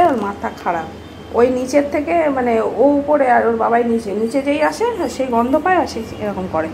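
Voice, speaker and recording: Squeaky-high woman cooing at her dog. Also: background noise. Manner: coos at the dog in baby talk, laughing and scolding. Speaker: dog owner filming her pet. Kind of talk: casual home pet video. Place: home.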